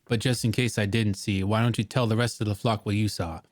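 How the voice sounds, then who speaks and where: A man playing a tabletop game, playful and gently wry in character. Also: fairly low pitch, fairly even intonation, fairly quick, no echo, studio quality. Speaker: player.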